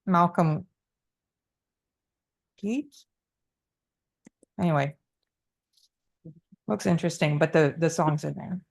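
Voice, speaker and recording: Low gravelly woman chatting in class. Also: takes it slowly, pauses often, darkish tone. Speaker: class member. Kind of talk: casual remarks in class.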